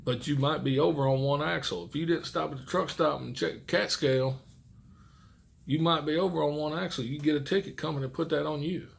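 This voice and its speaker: A middle-aged truck driver chats casually to his viewers on camera, folksy and rambling with some mild swearing. His voice is fairly high-pitched with vocal fry, fairly quick, and fairly even in intonation.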